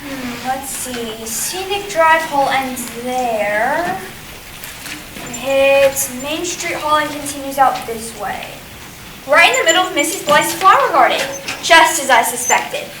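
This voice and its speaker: A woman's voice: high voice, lively intonation, slow pace. A woman playing a sneaky, inventive schoolgirl who talks in a drawling, evasive way. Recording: echoey room with noise.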